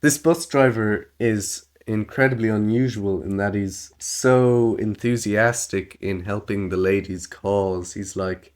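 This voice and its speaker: A man co-hosting a podcast in casual chat, laughing often and slipping into silly falsetto voices when quoting. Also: unhurried, few pauses, a little mellow. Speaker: podcast co-host.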